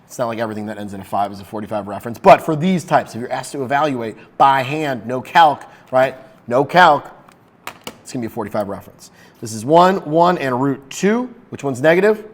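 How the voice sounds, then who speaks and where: A man's voice: mid-range voice, expressive, a little fast. Man, math teacher, casual video lesson, upbeat and chatty, talks to viewers.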